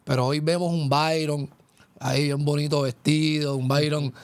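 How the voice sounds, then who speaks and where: Hombre presentador puertorriqueño, voz algo aguda. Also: male voice, on the high side, level tone, moderate pace, no echo. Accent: Puerto Rican Spanish. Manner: earnest, leading questions with "¿verdad?" asides. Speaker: host.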